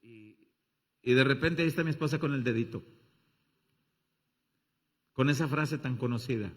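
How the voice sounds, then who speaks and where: Animated pastor preaching. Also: male voice, medium pitch, moderate pace. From Mexico. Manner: animated, acts out everyday scenes with shouted voices; addresses the congregation directly with questions. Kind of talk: sermon.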